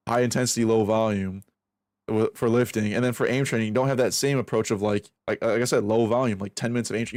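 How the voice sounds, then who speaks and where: Streaming late at night while aim training, a man in his twenties rambles casually and profanely about practice, pressure and backup plans, often restarting and reflecting on himself. His medium-pitched voice is a little mellow, captured with studio quality and no room sound.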